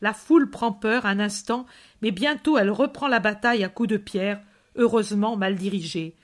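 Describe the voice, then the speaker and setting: A woman narrating a religious story in a measured, solemn reading. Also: medium pitch. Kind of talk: scripted narration.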